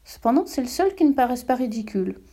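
Curious, gentle little boy prince in a storybook, higher voice, read by a woman. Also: big pitch swings, fast. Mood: wondering. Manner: earnest, wondering questions.

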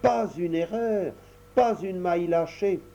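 A man's voice: sits high, slow pace, vocal fry, mellow, pitched above the performer's own voice, heavily acted. A man voicing a fretful old mother of twelve boys, in a storybook reading. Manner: exasperated, lamenting. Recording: dull lo-fi recording.

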